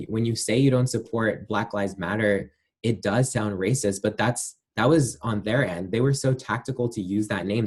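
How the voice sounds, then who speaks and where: Low-voiced man giving measured opinions. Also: darkish tone, husky. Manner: thoughtful, hedging, many fillers and "you know". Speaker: interview guest. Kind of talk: casual interview answers.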